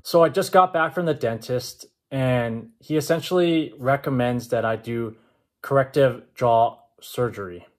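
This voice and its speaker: A man in a measured, matter-of-fact vlog style. His voice is mid-pitched. He talks to a camera about an arm's length away, indoors at home. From Canada. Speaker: vlogger. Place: indoors, open-plan home with kitchen and stairs.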